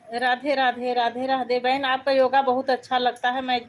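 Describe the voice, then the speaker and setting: High-voiced woman reading live comments. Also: completely flat delivery, normal speed, slight background noise. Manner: friendly, repeats greetings and thanks. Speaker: livestream host.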